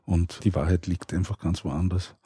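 A man, a teacher, answering interview questions in a calm, measured, explanatory way. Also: sits low, slightly rough.

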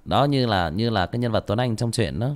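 Expressive male horror story narrator. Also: fairly low pitch, a little fast. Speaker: audiobook narrator and channel host. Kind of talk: horror audiobook narration, then casual chat.

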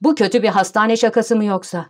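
A woman's voice: medium pitch, fairly even intonation, brisk, lightly acted. A woman voicing a distraught middle-aged father in an audiobook who stammers and grows agitated. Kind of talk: audiobook character voice.

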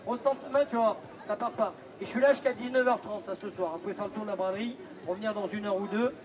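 A man hawking at a street fair with loud barker's patter, insistent, repetitive and teasing toward his listeners. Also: sits high, fast talker. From France. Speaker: street-fair perfume pitchman. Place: outdoors at a busy street fair. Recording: outdoor street fair with crowd noise.

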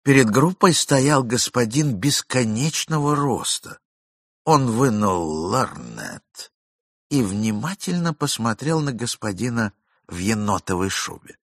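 A man narrating a classic story in a measured, lowered voice. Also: big pitch swings, fairly bright tone, dry recording, studio quality. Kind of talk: storybook reading.

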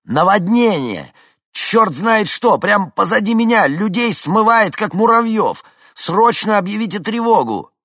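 A man voicing an alarmed helicopter pilot who shouts urgent warnings into the radio in a story. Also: high voice, animated, unhurried, no echo, clean studio sound, voice pushed up, full character voice. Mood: alarmed shouting. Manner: near-yelling, urgent.

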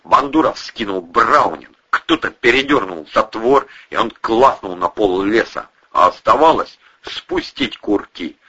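A man narrating an audiobook in a lively, expressive reading style. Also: lowish voice, measured pace, hardly any pauses, slightly rough, dull audio.

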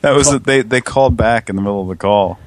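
Hesitant deadpan male host. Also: lowish voice, fast talker, background noise. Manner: hesitant, lots of uh and restarts, deadpan. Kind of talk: prank call radio show banter.

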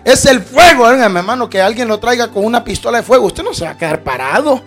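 High-voiced fiery preacher man. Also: lively intonation, fast, soft background music. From Latin America. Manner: fiery, shouting at peaks, addressing listeners as brother. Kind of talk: sermon.

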